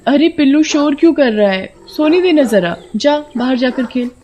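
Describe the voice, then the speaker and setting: A woman voicing a chatty, plant-loving young wife who scolds her husband in an animated horror story. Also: mid-range voice, moderate pace, lo-fi sound, noisy background, natural voice.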